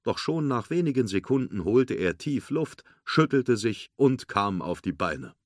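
A man narrating a storybook read-aloud in a steady, clear storytelling manner. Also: mid-range voice, a little slow, no room sound, studio quality.

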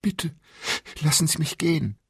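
A man's voice: on the high side, lively intonation, a little slow, creaky, slightly rough, dry recording, studio quality, pitched above the performer's own voice, exaggerated voice. Man voicing a terrified captive woman. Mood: pleading, terrified. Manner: stammering, desperate pleading. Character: terrified young woman held captive, pleading.

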